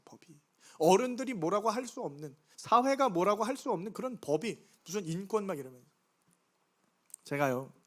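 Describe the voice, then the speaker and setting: A middle-aged man preaches a Sunday sermon in a church, his voice sitting fairly high. He talks in a chatty, conversational way and keeps throwing questions to the congregation. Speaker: pastor. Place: church sanctuary.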